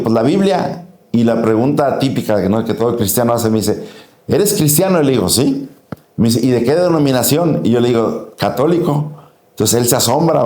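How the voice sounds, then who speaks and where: A man's voice: medium pitch, mellow, reverberant. A middle-aged Mexican man with a Mexican Spanish accent, giving an earnest personal faith testimony and acting out the dialogue as he tells it.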